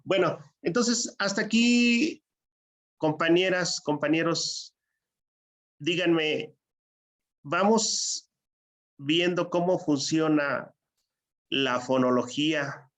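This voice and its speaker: A man's voice: a little high, slow, long pauses, a bit bright. A Purépecha-speaking man, lecturing a class in an explanatory way and checking with students as he goes. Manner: explanatory, asks the class to follow. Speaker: teacher.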